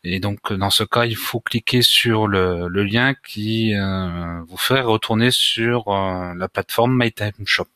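A man explaining software step by step in a screen-recorded tutorial, talking casually and hesitantly with many pauses and restarts. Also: fairly low pitch, dry recording, studio quality. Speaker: WordPress tutorial maker.

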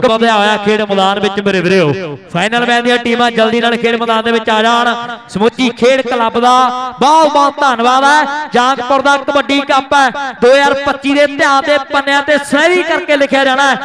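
A man's voice: extremely high pitch, little pitch movement, fairly quick, a crowd in the background. A man with an Indian Punjabi accent announcing and commentating frantically on a village kabaddi match, repeating phrases with emphasis. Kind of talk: frantic rural sports commentary. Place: outdoor village sports ground.

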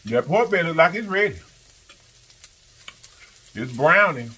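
A woman's voice: lowish voice, animated, a little slow, pushed and bright, husky. A woman with chatting to viewers during a mukbang eating vlog, with lots of mm sounds between bites. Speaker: mukbang vlogger. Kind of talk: casual eating vlog chat.

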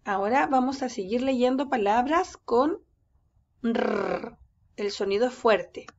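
A woman teacher giving a reading lesson to young children, speaking slowly and patiently and stretching words out syllable by syllable. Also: a little high, darkish tone, highs cut off. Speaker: first-grade teacher.

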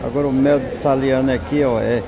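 A vlogger with a Northeastern Brazilian accent gives walking commentary through an open-air market, slowly pointing out the food for sale and savoring it. His voice is medium-pitched with fairly even intonation. Loud crowd noise fills the outdoor recording, with chatter and vehicles behind.

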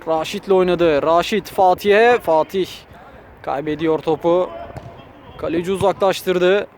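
A male football commentator with a fairly high-pitched voice calls a match live. He names players and moves in short, clipped bursts, lifting his voice when shots come. Faint outdoor noise sits behind him. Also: a little slow. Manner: raises his voice excitedly at shots and goals.

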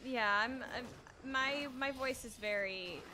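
A young woman chatting casually with friends during a game stream, with a squeaky voice and frequent laughter. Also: slow pace, pushed and bright. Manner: high, squeaky-toned, laughs often. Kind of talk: casual chat while gaming.

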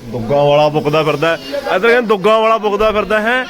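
A man's voice: high voice, expressive, fast. A young man with a Punjabi accent giving casual vlog commentary in hearty, teasing banter, often echoing what others say. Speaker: vlogger filming the groom's friends. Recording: chatter of a crowd behind. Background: group of men chattering.

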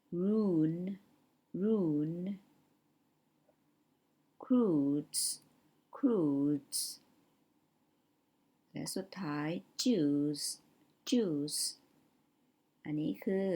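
A young woman teaching English vowel sounds, saying each example word slowly and often more than once. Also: deep voice, dark tone, slightly rough. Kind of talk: slow vocabulary lesson with spoken word examples.

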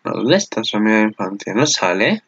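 A man giving casual commentary on an anime preview. He gets excited, laughs often and swears freely. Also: on the low side, a little fast, husky, lo-fi sound. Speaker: anime channel host.

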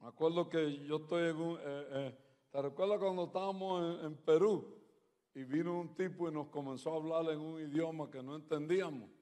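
High-pitched preacher man in a reverberant hall. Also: fairly even intonation, moderate pace. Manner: swings from loud preaching to quiet storytelling. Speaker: pastor. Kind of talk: sermon with stories. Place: large church hall.

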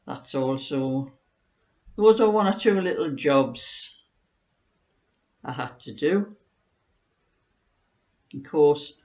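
A woman's voice: low-pitched, darkish tone. A woman, chatting casually in a rambling, anecdotal way in her living room. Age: 60s. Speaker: knitting vlogger. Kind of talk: casual chat. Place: living room, seated on a sofa indoors.

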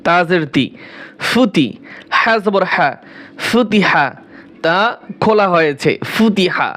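A man's voice: sits high, a bit bright. A man teaching Quran reading, spelling out each syllable patiently, repeating it, and asking questions he then answers himself. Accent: Bangladeshi Bengali. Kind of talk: slow spelling-out recitation lesson.

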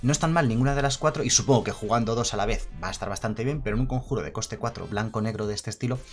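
A man talking casually through card previews, chatty and quick to correct himself. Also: on the low side, soft background music. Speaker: card game youtuber. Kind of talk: casual card-review commentary.

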